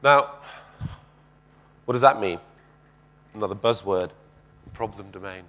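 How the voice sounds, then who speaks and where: This man in his thirties keeps a measured pace in a lowish, slightly bright voice as he gives a keynote on a big conference stage with a headset mic. Pacing and gesturing, he stays conversational, poses questions to the audience, and frequently restarts his sentences.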